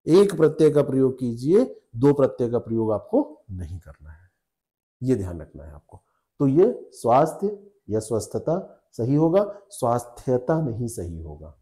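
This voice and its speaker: Patiently repeating each spelling rule and checking with his exam students, a Hindi exam tutor teaches in a warm, mid-range voice.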